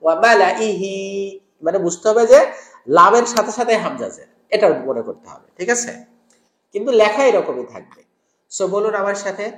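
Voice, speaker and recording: A man with a Bangladeshi Bengali accent leads a recitation lesson, modelling each word slowly and repeating it several times for students to follow. His voice sits high for a man. The room adds a noticeable echo. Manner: slow, drawn-out syllables when modelling recitation. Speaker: Quran recitation teacher. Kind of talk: tajweed lesson with call-and-repeat drills. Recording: echoey room.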